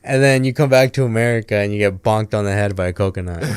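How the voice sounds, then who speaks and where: A man's voice: lowish voice, smooth. A man co-hosting a podcast, joking and playful in casual chat. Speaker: podcast co-host.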